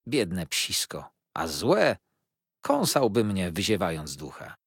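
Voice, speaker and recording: A man's voice: low voice, big pitch swings, slow pace, fairly bright tone, slightly rough, no echo, studio quality, exaggerated voice. A man voicing an older aunt who talks cheerfully and soothingly to her niece. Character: older aunt, brisk, cheerful, fondly reassuring.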